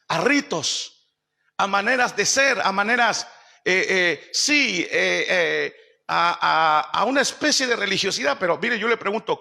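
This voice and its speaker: High, gravelly preaching pastor. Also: male voice, sharp tone. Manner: preaching with rhetorical questions to the congregation; acts out quoted speech in shifting voices. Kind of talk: sermon. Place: church service.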